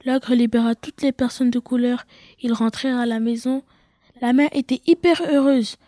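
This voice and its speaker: A woman reading her own children's story aloud, with dramatic loud bursts and whispered asides. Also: fairly high pitch, fairly even intonation, normal speed, no room sound, clean studio sound.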